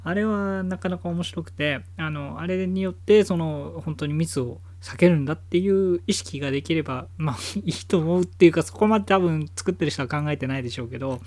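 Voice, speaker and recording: A man's voice: a little high, a little fast, hardly any pauses, a little mellow, no echo. A man hosting his own podcast from home, rambling casually with many fillers. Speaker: podcast host. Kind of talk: casual solo podcast talk.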